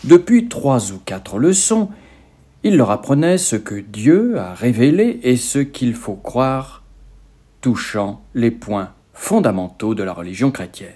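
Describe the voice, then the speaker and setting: A man reading a religious book aloud as scripted narration, in a measured, expressive way. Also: medium pitch, slightly rough. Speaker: audiobook reader.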